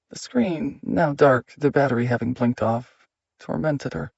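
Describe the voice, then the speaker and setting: A man narrating a thriller audiobook in measured, tense scripted narration. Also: medium pitch, darkish tone, husky, no echo, muffled recording.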